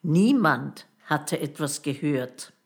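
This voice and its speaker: A woman reading a children's story aloud as narrator, in an expressive, measured way. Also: low voice, vocal fry, breathy edge.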